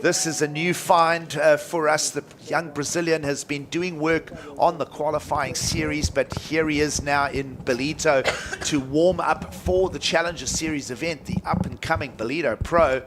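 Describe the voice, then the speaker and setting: A man's voice: on the high side, fairly even intonation, moderate pace, a bit bright. A man working as a surf contest announcer, giving live commentary in a colloquial, enthusiastic way.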